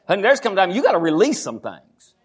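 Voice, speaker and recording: Preaching a sermon, a man talks fast with a slightly rough voice and huge swings in pitch. He repeats phrases for emphasis, calls the congregation "honey," and climbs higher in pitch as he drives each point home.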